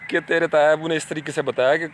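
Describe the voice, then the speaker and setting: A man's voice: a little high, flat delivery, slight background noise. A middle-aged man telling childhood stories in an earnest, reflective talk, slipping in English words and speaking straight to his listeners.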